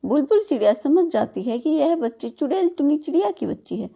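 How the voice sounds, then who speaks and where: A woman giving scripted storybook narration for a cartoon in a steady, even manner. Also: sits high, brisk, creaky.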